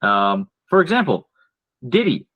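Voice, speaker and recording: Here the marketing strategist sounds muffled but echo-free, his mid-range voice swinging widely in pitch at a slightly slow pace. As a podcast guest he chats casually, offering advice step by step amid frequent fillers and asides.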